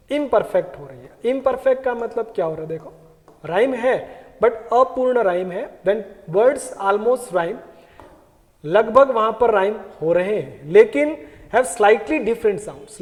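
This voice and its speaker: A man's voice: high voice, a little mellow, long reverb tail. A man teaching an exam-prep lesson, explaining each point in Hindi mixed with English terms and repeating key words.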